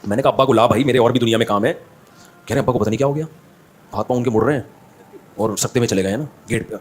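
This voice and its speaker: A man tells funny stories during a religious talk, and he talks quickly. He slips into the voices of the people in his stories as he goes, and his pitch sits in the middle range. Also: husky. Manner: animated anecdote-telling, acting out the people in his stories. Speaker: Islamic scholar giving a talk. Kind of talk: humorous storytelling in a religious talk.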